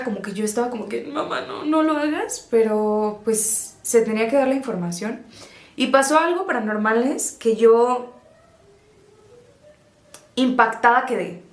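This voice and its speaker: A woman with a fairly high voice in a noticeably echoey room, recounting a story as a vlogger. She speaks casually yet dramatically, repeating words and phrases to build suspense. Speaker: paranormal vlog host.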